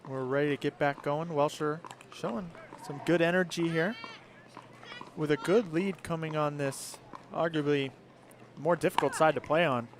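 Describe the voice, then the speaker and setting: A man's voice: fairly high pitch, steady tone, moderate pace, noisy background. A man giving live play-by-play commentary as a pickleball commentator.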